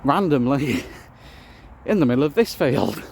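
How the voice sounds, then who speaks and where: A man's voice: mid-range voice, sing-song, a little slow, vocal fry, darkish tone, slight background noise. Guy chatting to the camera on a walk through fields, a bit winded, wry jokes. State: out of breath. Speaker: vlogger. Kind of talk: casual walking vlog. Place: outdoors in open fields.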